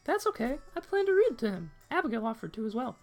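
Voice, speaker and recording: A man voicing an earnest young woman, the heroine of a romance game, in a polite falsetto. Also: very animated, quick pace, gravelly, faint music behind, heavily acted.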